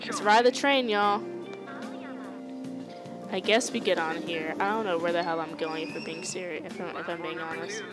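A woman's voice: on the low side, fairly even intonation, normal speed, pauses often, music in the background, low-quality recording. A woman gaming streamer casually reading game text aloud and commenting, offhand and swearing now and then.

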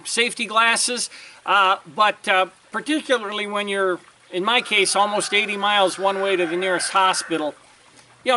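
A slight hiss or hum sits under this older man's ranch vlog, recorded outdoors with roosters crowing in the background. Somewhat out of breath, he rambles folksily and restarts frequently, his voice high, pushed and bright.

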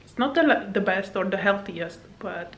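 With slight background noise, an expressive woman speaks at normal speed in a mid-range voice from her home living room. She's a Slovak fitness coach in her thirties whose native language is Hungarian and whose accent shows it, and she rambles to a camera on the table at arm's length with fillers and bits of laughter.

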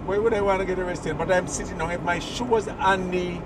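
A man's voice: high-pitched, steady tone, a little fast. A man with a Kittitian accent telling stories casually in a moving car, repeating himself and acting out dialogue. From St. Kitts. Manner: repetitive storytelling, acting out dialogue. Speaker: tour driver. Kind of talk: animated casual storytelling in a car. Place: inside a moving vehicle. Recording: very noisy moving car, distant mic.

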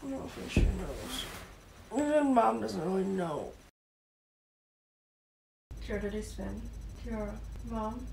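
A woman's voice: medium pitch, lively intonation, slow, vocal fry, long pauses, darkish tone, a little hiss or hum, low-quality recording. A woman sleep talking, in drowsy, disjointed, mumbled phrases that often trail off unfinished.

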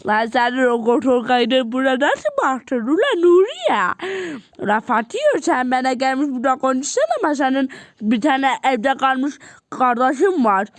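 A woman's voice: high-pitched, expressive, normal speed, no room sound. A woman voicing a nosy, blunt middle-aged auntie who bickers and teases in a doll-game role-play. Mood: bickering. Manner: bickering, teasing.

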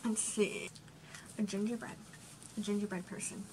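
A woman's voice: medium pitch, fairly even intonation, normal speed, a little mellow, slight background noise. A woman in her twenties chatting casually as co-host of a home challenge video, recorded by a camera across a table. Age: 20s. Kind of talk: casual chat. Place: small home room, indoors.

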